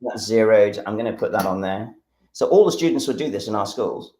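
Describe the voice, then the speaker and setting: A man's voice: fairly low pitch, lively intonation, a little fast, a little mellow, roomy sound. An English man explaining a science demonstration during a live stream. He talks with enthusiasm, rambles, and uses a lot of fillers. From England. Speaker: science educator.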